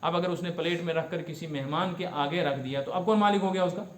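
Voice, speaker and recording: بلند آواز، گونجتا ہوا کشمیری لہجے والا بزرگ مفتی. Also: male voice, a little high, reverberant, a little hiss or hum. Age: older. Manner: explanatory, asks the audience questions and repeats Arabic words slowly. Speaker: mufti teaching Quran commentary. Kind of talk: religious lesson.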